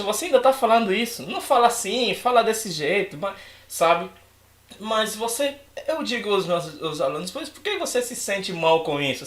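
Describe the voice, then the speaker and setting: A man teaching an English lesson in a casual, animated way, switching between English and Portuguese and acting out his students' lines. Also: sits high, echoey room.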